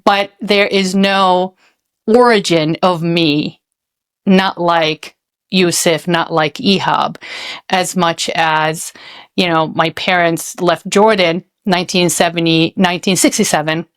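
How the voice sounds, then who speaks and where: A woman born and raised in Saudi Arabia, hosting a podcast in a measured, explanatory way. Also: fairly low pitch, fairly even intonation. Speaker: podcast host. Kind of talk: casual podcast chat.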